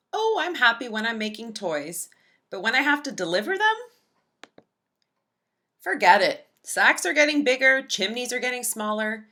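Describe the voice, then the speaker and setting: A woman with a voice on the high side reads a children's picture book aloud, telling the story in an expressive, emphatic way.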